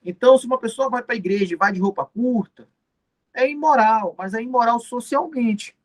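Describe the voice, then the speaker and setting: A man's voice: very high voice, normal speed. A man giving an exam-prep law lecture, explaining step by step, repeating key terms and answering his own questions. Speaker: law teacher.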